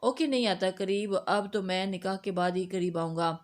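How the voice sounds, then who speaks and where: A woman's voice: medium pitch, natural voice. A woman voicing an arrogant young man who mocks the heroine he holds captive. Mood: mocking. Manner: taunting, smug. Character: arrogant young man, mocking forceful captor.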